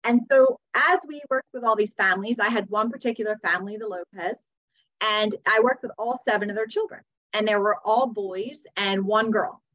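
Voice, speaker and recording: A woman's voice: medium pitch, moderate pace, a bit bright. An American woman in her forties telling her story conversationally as a podcast guest, on slightly dull audio. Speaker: podcast guest, teacher and author.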